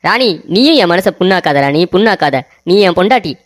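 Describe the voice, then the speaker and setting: A woman's voice: on the low side, expressive, a little fast, no room sound, clean studio sound, close to an everyday voice. A woman voicing a self-pitying male army commander who whines and laments in a cartoon story. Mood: lamenting. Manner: whining, lamenting.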